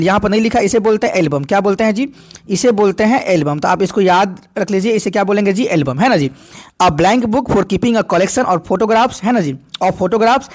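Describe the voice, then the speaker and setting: Guy teaching a vocab class, keeps asking and answering his own questions. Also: high-pitched. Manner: repetitive call-and-response questioning, slow over English definitions. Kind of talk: online exam-prep vocabulary class.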